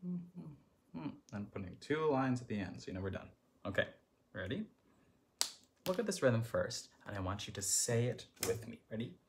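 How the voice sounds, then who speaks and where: A male music teacher leads a lesson for young children, his pitch swinging up and down as he chants rhythm syllables. He speaks in a mid-range voice and keeps his tone encouraging. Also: sing-song, normal speed, gravelly, slight background noise.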